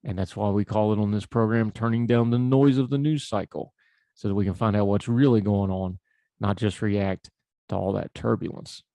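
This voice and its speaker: A man with an Appalachian accent speaks in a mellow, relaxed voice, close and dry. He hosts a talk show with folksy, conversational commentary on the news. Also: lowish voice, normal speed, dry recording. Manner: folksy, informal address.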